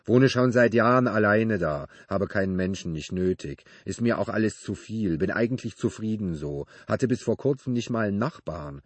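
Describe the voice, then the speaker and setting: A man putting on a loud, cracked-voiced old neighbor. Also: fairly low pitch, lively intonation, moderate pace, hardly any pauses, no room sound. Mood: blunt. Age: older. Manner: blunt clipped speech, calling out loudly, suspicious. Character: gruff lonely older male neighbor, brooding and volatile.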